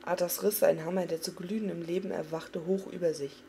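Woman narrator, dramatic fantasy audiobook reading, dark gravelly voice. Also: on the low side, brisk, slight background noise. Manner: expressive, dramatic. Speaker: audiobook reader.

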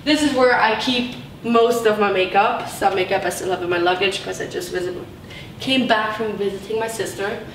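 This vlogger's house tour is casual chat: a young woman with a mid-range voice and moderate pace wanders her large tiled bedroom and bathroom holding the camera. Bubbly and rambling, she peppers everything with "like" and "so cool", over echo and background noise.

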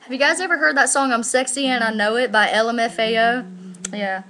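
A woman's voice: a little high, steady tone, fairly quick, bright, forceful tone, slight background noise. An eighteen-year-old woman chatting casually and slangily to camera, rambling and swearing, on a laptop microphone. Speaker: vlogger. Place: living room at home, indoors. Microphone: laptop built-in microphone at arm's length.

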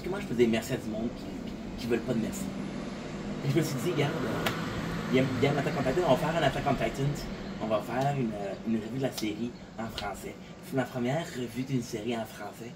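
This is a Montréal man speaking Québécois French at a medium pitch, a content creator chatting informally to camera while a little worn out. His delivery is rambling, full of fillers and repeated words. The recording is very noisy, with his voice far off and outdoor surroundings clearly heard.

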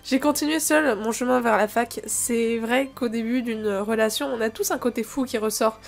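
Woman reading a dating game out loud, fairly high voice, chatty and expressive, giggles a lot. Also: normal speed, gravelly. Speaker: let's-play host reading a dating game aloud. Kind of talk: reading game text aloud with casual asides.

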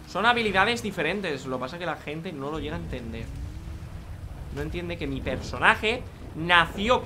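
A man's voice: high voice, background noise. A young man, joking crudely and chatting casually as he plays a racing game. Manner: joking, crude, talks to himself and viewers. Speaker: gaming youtuber. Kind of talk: casual gameplay commentary.

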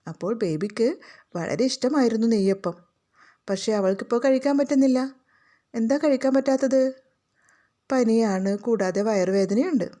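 A woman's voice: fairly high pitch, normal speed, pauses often, dark tone. A woman teacher with a Malayali accent reads a school lesson aloud and explains it to children, asking them questions as she goes.

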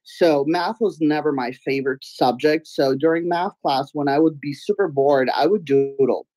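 A guest artist from Belarus, whose first language is Russian, talks at a moderate pace in a low, slightly nasal voice during a casual interview. She comes across as giggly and expressive, sometimes loud. Her webcam on a video call picks her up in a room at home, in a low-quality recording with no echo.

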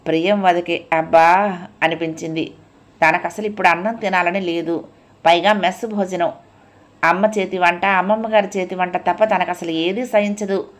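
A woman narrating a novel aloud as an audiobook, in a steady, even storytelling manner. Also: lowish voice.

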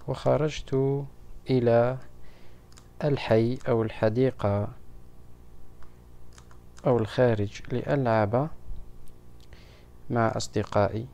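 Guy teaching little kids grammar, patient, keeps asking them stuff, warm low tone. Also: steady tone, slow pace, creaky, pauses often. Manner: patient, questioning. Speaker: primary school teacher. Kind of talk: explaining a grammar exam to children.

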